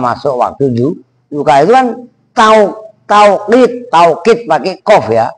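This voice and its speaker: A man teaching a kitab at an Islamic boarding school, reading slowly word by word and teasing his students. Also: a little high. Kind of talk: casual classroom teaching of Arabic rhetoric.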